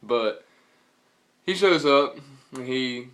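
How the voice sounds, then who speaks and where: A man's voice: mid-range voice, animated, slow pace, fairly bright tone. A young man with a Southern US accent telling a story casually in a slangy, profane, rambling way. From North Carolina, US.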